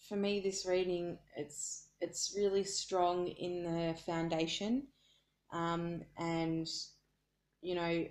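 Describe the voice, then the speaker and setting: Australian woman, card reader; low, even delivery, earnest and searching; echoey room. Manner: earnest, searching for words as she reads. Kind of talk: casual spoken card reading.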